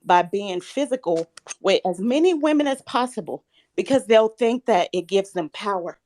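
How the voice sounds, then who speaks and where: Medium in pitch and animated at a moderate pace, a thirtysomething woman from the American South speaks earnestly into a live audio chat room. Her voice wavers slightly, and her gentle tone hardens into insistence when she's challenged.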